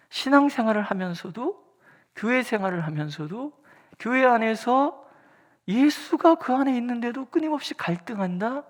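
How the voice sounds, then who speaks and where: A pastor preaches at an early morning prayer service in a husky, breathy voice. The pitch swings widely as the pastor talks through everyday feelings and asks soft questions aloud. Many phrases sink into a near whisper. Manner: conversational, acts out inner questions softly. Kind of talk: dawn prayer sermon. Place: church.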